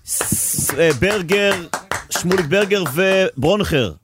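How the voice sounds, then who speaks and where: A man hosting a casual radio interview in a studio, playful and quick to laugh. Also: sits high, noisy background. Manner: lively, playful, laughs often. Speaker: radio host.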